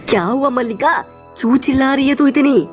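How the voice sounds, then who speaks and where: Lady voicing a snooty rich boss lady, scolds hard, pitch jumps high, cartoon story. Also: fairly quick, faint music behind, lightly acted. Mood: scolding. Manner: scolding, contemptuous. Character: harsh rich woman, employer of a maid. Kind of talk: animated storybook voice acting.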